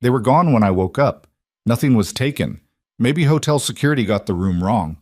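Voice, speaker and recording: A man's voice: medium pitch, lively intonation, moderate pace, no echo, studio quality, lightly acted. A man voicing a frightened young woman caught in mob danger, pleading and tearful, in an audiobook character reading. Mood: evasive.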